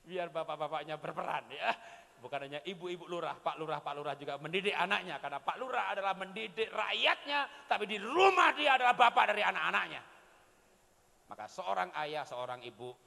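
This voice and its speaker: Middle-aged male seminar speaker, animated storyteller, reverberant hall. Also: sits high, brisk, creaky. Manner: animated storytelling, acting out quotes. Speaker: parenting speaker. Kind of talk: motivational seminar talk. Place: large event hall.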